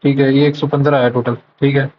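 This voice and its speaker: Working through a live mock test, a male exam prep tutor mutters numbers, fixes his own mistakes, and drops in English terms while solving math problems out loud. He talks briskly in a mid-range voice with little pitch movement, over a dull lo-fi recording with some hiss or hum.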